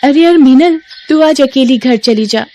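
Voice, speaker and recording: A woman voicing a naive, anxious teenage schoolgirl in a cartoon, speaking in a high, pleading girlish voice. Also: unhurried, warm tone, a little hiss or hum. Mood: carefree.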